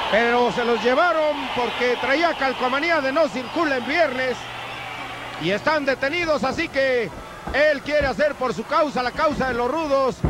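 Very high-pitched Mexican male wrestling commentator. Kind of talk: live lucha libre commentary. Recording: very noisy old TV sports broadcast. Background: loud arena noise.

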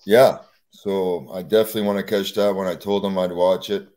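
A man with a very low, deep voice hosts a casual livestream conversation. He speaks in a relaxed, blunt way, as if chatting with an old friend. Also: a little fast. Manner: relaxed, blunt, talks about wrestling buddies. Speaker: show host.

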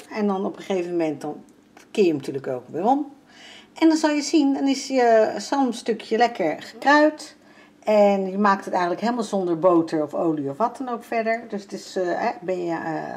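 A woman's voice: medium pitch, lively intonation, normal speed, darkish tone. An older woman from the Netherlands chatting casually in a home vlog, with plenty of fillers as she walks through her sewing and cooking. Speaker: vlogger. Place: home interior.

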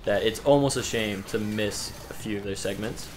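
Brief: young male gameplay host, a bit low, excitable and sweary, game music faint underneath. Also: moderate pace. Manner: excitable, laughs often, swears casually. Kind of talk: casual let's-play commentary.

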